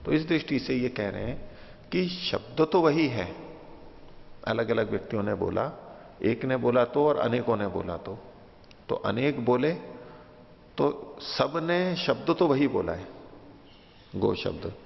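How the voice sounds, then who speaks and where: A man's voice: mid-range voice, expressive, a little slow, gravelly, long pauses. A male teacher patiently explaining a philosophical text to a class, taking each point in turn and repeating it with simple examples. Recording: muffled, with long hall reverb.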